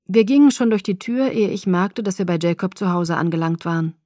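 Female audiobook narrator, calm even read, dry studio sound. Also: lowish voice, brisk, no echo. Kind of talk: scripted first-person narration.

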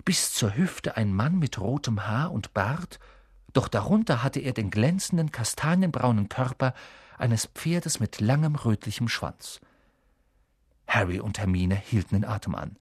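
A man reading a story aloud as an audiobook narrator, calm and measured. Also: medium pitch, breathy edge, dry recording, clean studio sound. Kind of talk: scripted narration.

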